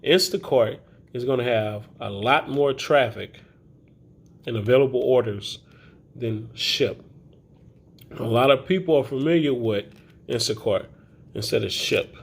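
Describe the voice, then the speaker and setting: A grocery delivery shopper who vlogs speaks casually to the camera in a phone video, rambling and chatty with plenty of fillers. His voice is medium-pitched and husky with vocal fry, a little slow, and he pauses often.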